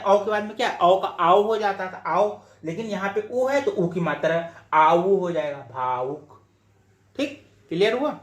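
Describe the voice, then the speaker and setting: A man teaching a grammar lesson for exam study, repeating each rule and often checking whether it is clear. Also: sits high. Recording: roomy echo.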